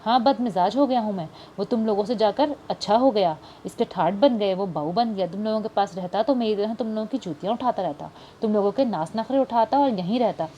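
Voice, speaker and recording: A woman's voice: mid-range voice, a little fast, hardly any pauses, dark tone, lo-fi sound, a little hiss or hum, natural voice. A woman voicing a resentful young man who talks back defiantly in an audiobook. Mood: angry. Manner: defiant, scornful.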